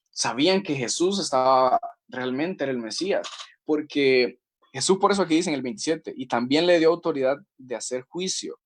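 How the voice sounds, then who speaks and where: Earnest male Bible study preacher. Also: fairly high pitch. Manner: earnest, slow reading of scripture with many pauses.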